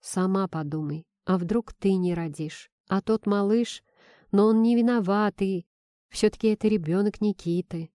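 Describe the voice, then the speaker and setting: A blunt, teasing young woman friend, read by a woman narrator in a warm, mellow tone, recorded dry and close. She talks sardonically and pointedly, pushing her friend with questions. She stays earnest and firm under the teasing. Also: mid-range voice, moderate pace, no room sound, natural voice.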